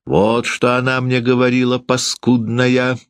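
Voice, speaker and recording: A man voicing a drunk, rowdy old woman shoemaker who shouts abuse with slurred, raised speech. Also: medium pitch, completely flat delivery, measured pace, clean tone, dry recording, voice pushed up, lightly acted. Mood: spiteful.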